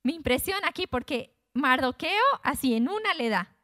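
High-voiced woman teaching the Bible. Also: animated, moderate pace, bright, forceful tone, no echo, clean studio sound. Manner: conversational, retells scripture in her own words.

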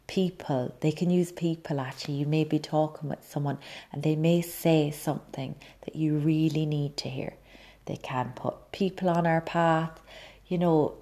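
Low soft woman voice, mellow, kinda whispery, lots of ums, personal story. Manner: soft, often drops to near-whisper, many ums. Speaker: speaker on grief and signs.

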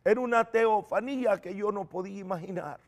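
A middle-aged man, a preacher, telling his personal testimony in an earnest, animated storytelling manner. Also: sits high, brisk.

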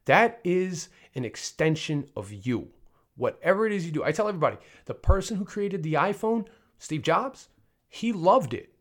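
Man in his thirties, casual podcast monologue, candid, rambling, lots of fillers and restarts. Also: on the high side. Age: 30s. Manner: candid, rambling, frequent fillers and self-corrections. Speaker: podcast host.

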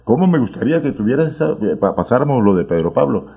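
A man's voice: mid-range voice, big pitch swings, fast talker, gravelly, mellow, slightly rough. A Colombian man hosting a radio talk show, speaking in an emphatic, declamatory way. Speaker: radio host. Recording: dull lo-fi radio sound.

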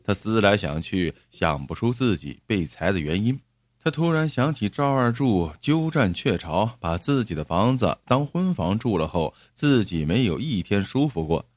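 A man narrating a story in a steady, measured storytelling manner. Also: fairly low pitch, no room sound.

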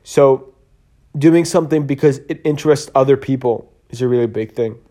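A man's voice: mid-range voice, moderate pace, mellow. A man hosting a solo podcast, talking in an earnest, rambling way with many fillers and restarts, tired and yawning. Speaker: podcast host. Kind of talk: casual solo podcast monologue.

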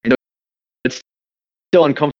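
A man joining a casual movie discussion over an internet call whose audio keeps breaking up and dropping words, talking in halting, restarting sentences. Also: a little mellow, dry recording. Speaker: podcast panelist. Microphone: remote internet call. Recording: dull, dry call audio from off-mic.

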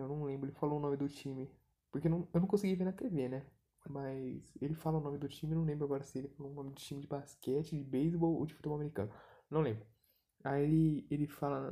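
Gravelly Brazilian guy, rambling profane recap. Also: a little high, dark tone. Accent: Brazilian Portuguese. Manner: rambling, slangy, swears freely. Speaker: movie retelling vlogger. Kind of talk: casual profane movie recap.

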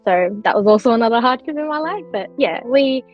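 A young woman who partly grew up in Turkey speaks as a scholarship recipient on a podcast, chatty and earnest and full of likes and you-knows. Her fairly high voice moves fast with lively intonation over soft background music. The candid interview comes through in slightly dull lo-fi audio.

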